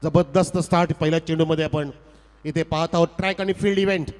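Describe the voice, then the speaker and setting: High-voiced man announcing over a PA system. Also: fairly even intonation, fast talker, clean tone. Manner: formal, flowery announcer delivery that rises sharply on big shots. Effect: heard over a PA system. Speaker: cricket match commentator. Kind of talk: live local cricket commentary. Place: outdoor cricket ground. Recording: long echo from a loudspeaker PA.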